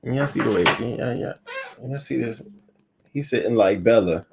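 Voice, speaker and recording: A man in his thirties hosting a livestream morning show, chatting loosely with profanity and sudden loud bursts into a webcam mic. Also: medium pitch, moderate pace, creaky, slightly rough. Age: 30s. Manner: loose, profane and animated, often bursting louder. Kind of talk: casual livestream chat.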